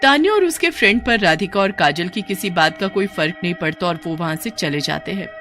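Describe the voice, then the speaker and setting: A woman giving scripted storytelling narration for a cartoon, in an even delivery. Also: on the low side, brisk, soft background music.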